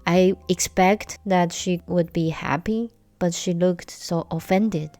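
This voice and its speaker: A young woman from Taiwan hosts her own casual solo podcast, sharing personal stories with gentle, light humor. Her slightly low voice is steady, and she speaks at an unhurried, deliberate, measured pace. The audio is dry with no room sound, and faint music plays underneath.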